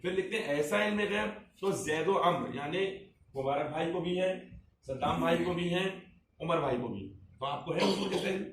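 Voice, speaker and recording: A man's voice: on the high side, normal speed, a little hiss or hum. A man, an Islamic cleric, explaining a religious point in an emphatic, rhetorical way, putting repeated questions to a listener. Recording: echoey room, distant mic, faint ambience.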